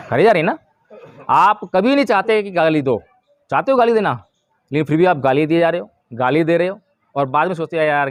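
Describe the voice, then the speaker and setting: A man with a high voice gives a Buddhist sermon to a village gathering. He keeps asking the crowd questions and answers them himself. The sound is close and dry, with no echo. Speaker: Buddhist preacher. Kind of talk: dhamma talk to a village gathering.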